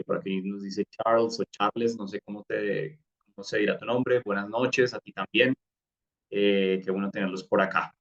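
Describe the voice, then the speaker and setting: A man's voice: on the low side, a bit bright, lo-fi sound. A man explaining a topic in a live online class, with frequent fillers and restarts. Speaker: crypto course instructor.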